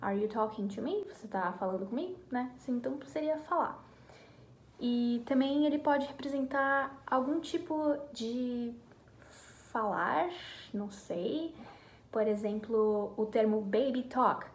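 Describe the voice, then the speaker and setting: A woman's voice: on the high side, unhurried. A woman with a Brazilian Portuguese accent, casually explaining English verbs in a chatty, hesitant way as an online teacher. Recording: echoey room with faint noise.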